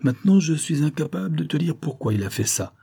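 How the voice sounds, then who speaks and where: A man's voice: on the high side, sing-song, a little fast, creaky, warm tone, husky, voice pushed up, exaggerated voice. A man voicing a blunt female police captain. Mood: reassuring. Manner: blunt, slangy, matter-of-fact.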